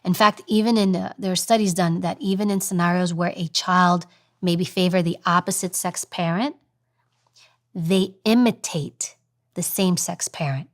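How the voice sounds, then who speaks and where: A woman in her thirties, a podcast guest, talking with animated storytelling. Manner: animated storytelling, acts out high fast voices. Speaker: guest, former agent and news presenter. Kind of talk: interview conversation.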